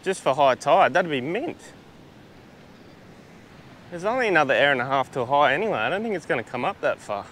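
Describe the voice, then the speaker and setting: A man's voice: a little high, sing-song, fairly quick, long pauses, a bit bright, slight background noise. An Australian man chatting casually through a travel vlog on a beach, laid-back, with lots of fillers and restarts, recorded outdoors on a small camera-mounted mic. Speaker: travel vlogger.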